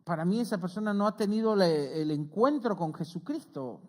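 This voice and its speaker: A middle-aged man, a pastor preaching a conversational sermon who often checks in with his listeners and rises in pitch and volume when he quotes scripture. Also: expressive, moderate pace, a little mellow. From Argentina. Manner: earnest, conversational preaching with frequent "¿sí?" check-ins.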